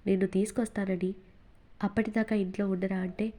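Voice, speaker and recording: Bossy, teasing young man in a storybook romance, read by a woman narrator, mellow and warm. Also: mid-range voice, flat delivery, a little fast, natural voice. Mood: reassuring. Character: commanding, teasing, protective young man, a boss.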